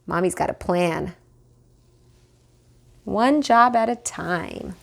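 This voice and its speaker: With a creaky, mid-range voice, a woman reads a picture book aloud to children, expressive and animated, stopping now and then to ask the listeners questions.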